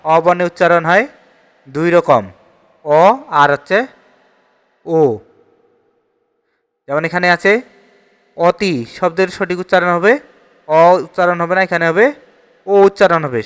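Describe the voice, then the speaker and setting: A man's voice: high voice, fairly even intonation, brisk, long pauses, a bit bright, smooth, in a large hall. A man with a Bangladeshi Bengali accent teaching an exam-prep grammar lesson, steadily reading each question and repeating the answer.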